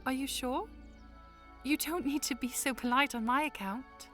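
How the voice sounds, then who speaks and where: Young princess, played by a woman: higher-pitched, polite and earnest, formal phrasing, audio drama with music underneath. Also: normal speed, fairly bright tone. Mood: hesitant, polite. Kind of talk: fan audio drama acting.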